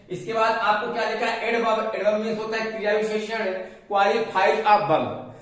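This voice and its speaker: A man's voice: high voice, a bit bright. Man teaching grammar to kids, hindi accent, keeps asking and repeating, super echoey room. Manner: addresses students, repeats and asks questions. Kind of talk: classroom grammar lesson.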